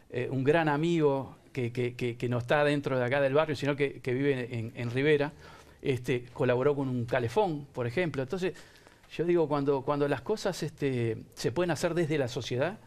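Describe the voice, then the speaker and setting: Middle-aged man, mid pitch, rambling, filler-heavy, studio guest. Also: normal speed, darkish tone. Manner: rambling, many fillers and restarts. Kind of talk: casual interview answers. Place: TV studio set.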